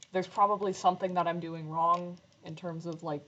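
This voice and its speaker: A woman on a live sewing stream who rambles on and pokes fun at herself, her low voice slipping into slight fry. The stream audio sounds a little dull and lo-fi. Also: fairly bright tone. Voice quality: slight vocal fry when talking low. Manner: rambling, self-deprecating, laughs often. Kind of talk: casual live-stream chat while sewing. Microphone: desk microphone.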